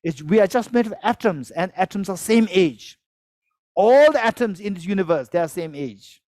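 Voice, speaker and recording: A man, Tibetan by first language, delivers a Buddhist teaching to a live audience in an expressive, high-pitched, slightly mellow voice at moderate pace. He repeats himself, questions the audience with requests for shows of hands, and chuckles during explanations. The audio is studio quality without room sound.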